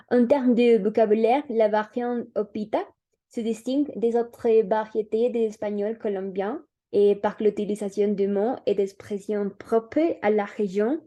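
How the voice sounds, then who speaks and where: A woman's voice: medium pitch, dark tone. A young woman giving an oral class presentation, reading aloud hesitantly with fillers. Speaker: student presenter.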